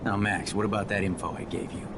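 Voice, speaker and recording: A man playing a rough, grief-stricken, foul-mouthed video game character, halting and anguished. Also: low-pitched, steady tone. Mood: weary. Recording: loud storm noise behind.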